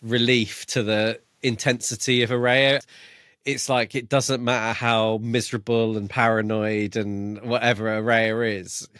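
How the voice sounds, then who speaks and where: A man co-hosts a podcast, chatting casually about a book and thinking aloud with some hesitation. His medium-pitched voice is level, measured, fairly bright, clear and resonant, and the recording is dry with clean studio sound.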